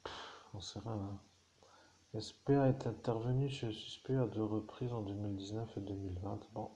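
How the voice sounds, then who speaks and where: Guy rambling thru crime headlines, kinda mumbly, low mellow voice, lots of uh and bon. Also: fairly even intonation, moderate pace. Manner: rambling, hesitant, half-muttered asides. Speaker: vlogger reading tabloid crime news. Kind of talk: rambling casual commentary.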